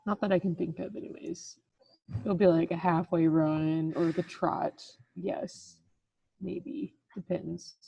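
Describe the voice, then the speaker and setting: A woman's voice: fairly low pitch, little pitch movement, slow pace, vocal fry, dark tone, slightly rough, dry recording, lo-fi sound. A woman working as an athletic trainer, chatting casually on a podcast and laughing as she tells stories.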